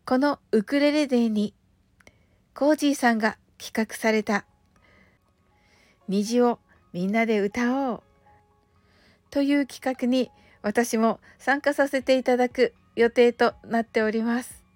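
A woman hosts a laid-back radio talk in a polite, gentle manner. Her voice sits a little high and sounds close and dry. Faint music plays under her, and she draws out English phrases slowly and carefully. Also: no room sound. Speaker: radio show host. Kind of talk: relaxed scripted radio talk with English lessons.

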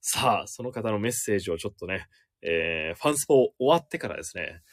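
A male announcer hosting a casual radio talk show, chatty and expressive. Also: fairly low pitch, brisk, no echo.

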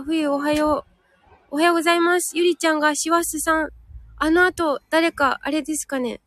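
Woman, live audio host; high voice, chatty, reads listener comments aloud and corrects herself as she goes; dry, close recording. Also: fairly bright tone, dry recording. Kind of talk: casual live chat reading listener comments.

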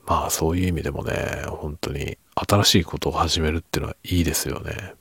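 Very deep, gravelly hushed man's murmur. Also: fairly even intonation, fairly quick, no echo. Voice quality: husky, low murmur drifting into whisper. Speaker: podcast and ASMR creator. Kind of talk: hushed late-night casual chat for falling asleep.

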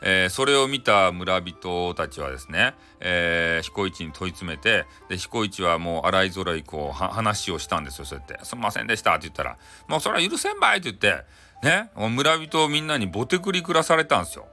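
A man with a broad Hakata accent narrates a folktale for children at bedtime. His telling is playful and chatty, fast-moving and bright-toned, swinging widely in pitch. Soft music plays faintly behind him. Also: expressive. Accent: Hakata dialect. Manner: playful and chatty, with many dialect endings. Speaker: storyteller.

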